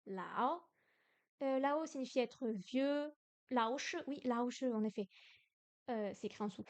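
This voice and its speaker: In her casual livestream, a young streamer from France practices Chinese by saying syllables aloud and overdoing the tones. She speaks at normal speed in a high-pitched, slightly mellow voice.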